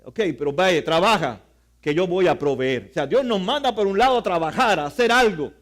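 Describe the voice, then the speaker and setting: A middle-aged man preaching a sermon as pastor, earnest, with quiet asides. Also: high-pitched, lively intonation, moderate pace.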